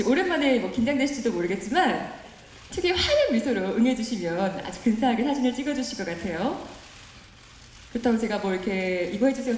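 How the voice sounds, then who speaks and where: A woman hosting a press event in the polite, cheerful, chatty style of a public radio host, coaxing and courteous. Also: on the high side. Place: indoor press conference room. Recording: roomy event hall with background noise.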